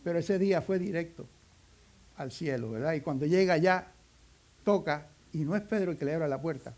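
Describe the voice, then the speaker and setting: A man's voice: a little high, normal speed, a little mellow. A Cuban man preaching a sermon, telling stories in a folksy way with humorous asides. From Cuba.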